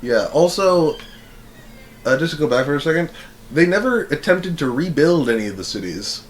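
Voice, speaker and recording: Animated man in casual movie chat. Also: on the high side, normal speed, slight background noise, poor audio. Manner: rambling, animated, jokey. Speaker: podcast co-host. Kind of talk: casual film review chat.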